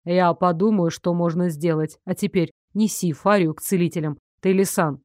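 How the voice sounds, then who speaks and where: A weary but firm professor speaks low and measured, used to authority. A woman narrator voices him in a dry, close storybook recording. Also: steady tone, a little mellow, no echo, close to an everyday voice. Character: stern older male professor, firm and weary. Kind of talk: audiobook character voicing.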